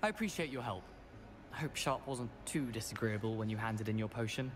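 A man's voice: fairly low pitch, a little fast, crowd noise, lightly acted. An actor playing a cheerful young male wizard student in a video game, friendly and upbeat.

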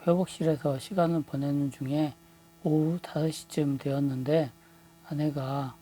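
A man's voice: a little high, fairly even intonation, moderate pace, mellow. A man in his thirties telling a personal story in a casual monologue, hesitant, with many fillers and restarts. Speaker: vlogger, husband recounting a story.

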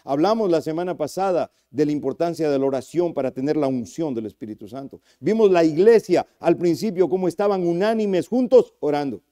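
A man preaching a passionate sermon as pastor, speaking straight to his listeners and swinging from loud cries to hushed lines. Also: a little high, lively intonation, a little fast, hardly any pauses. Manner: addresses listeners directly as brother. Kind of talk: Spanish-language sermon.

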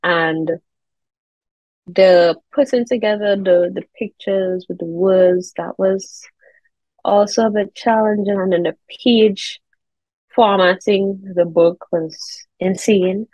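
Her mid-range voice is slow and a little mellow, captured in a dry recording over somewhat dull video-call audio. She's a woman in her thirties with a Caribbean accent, appearing as an interview guest and giving conversational answers. Besides being an air traffic controller, she's a children's author.

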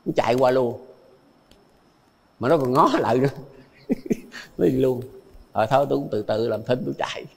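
A man's voice: medium pitch, moderate pace, gravelly, long pauses, in a large hall. An older man with a Southern Vietnamese accent, a Buddhist monk giving a dharma talk full of anecdotes, who chuckles often and repeats phrases for emphasis.

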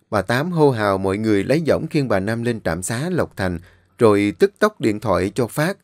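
Man, steady story narration, dry close mic, faint music. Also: fairly low pitch, no echo.

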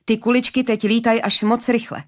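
A woman reading an audiobook, voicing a sharp, resourceful young woman who speaks briskly and with determination. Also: fairly high pitch, flat delivery, natural voice. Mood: determined.

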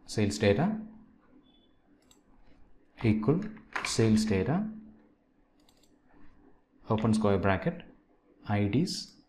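A man narrating a step-by-step software tutorial, dictating each step in short, separated phrases. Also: medium pitch. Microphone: voice-over on a screen recording. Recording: noisy, with keyboard and mouse clicks.

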